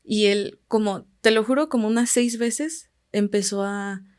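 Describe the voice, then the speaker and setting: A woman from Guerrero with a Mexican Spanish accent, a podcast guest telling a personal story in a calm, casual way that often fades quietly at the end of phrases. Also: medium pitch, a little slow, clean tone.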